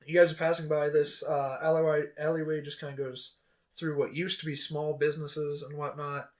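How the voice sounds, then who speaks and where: A man's voice: fairly high pitch, level tone, moderate pace. Rambling male game master. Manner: loose, rambling, many fillers. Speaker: dungeon master. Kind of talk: narrating a tabletop game.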